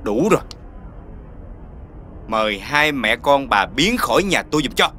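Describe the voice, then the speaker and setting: An actor playing an angry, grieving middle-aged widower in a TV drama, scolding and chasing off an unwelcome in-law. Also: male voice, medium pitch, very animated, measured pace, a little hiss or hum. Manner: hostile, scolding, shouting orders. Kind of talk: TV drama acting.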